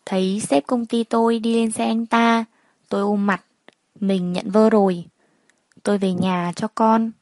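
Woman reading a first-person story, steady and plain, dry close sound. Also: medium pitch, measured pace, no echo. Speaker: story narrator.

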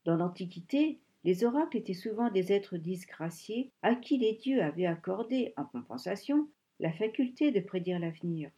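A woman reading the part of an excitable older male scholar who pleads insistently. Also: mid-range voice, moderate pace, few pauses, close to an everyday voice. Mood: fervent. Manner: insistent, imploring.

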